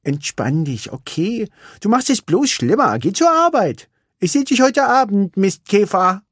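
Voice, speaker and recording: A man's voice: high-pitched, big pitch swings, measured pace, breathy edge, dry recording, studio quality, pitched above the performer's own voice, full character voice. A man reading a storybook aloud, voicing a spirited, sassy young girl racer who talks in a cheeky, impatient way. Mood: teasing.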